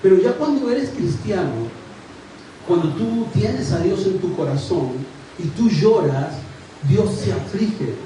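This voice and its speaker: A man preaching a sermon as pastor, from Argentina, telling stories in an animated, emphatic way. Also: a little high, a little hiss or hum. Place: church. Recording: echoey church hall, mic at a distance.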